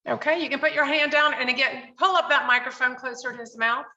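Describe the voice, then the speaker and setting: A woman's voice: high voice, fast talker, pushed and bright. A woman presiding as judge in a court hearing, giving procedural instructions, heard on a courtroom recording. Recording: dull lo-fi courtroom audio.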